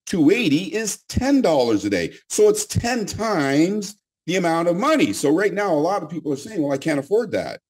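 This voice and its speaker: A man presenting a pay plan in an excitable sales pitch, repeating big figures and correcting himself as he goes. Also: moderate pace, slightly rough.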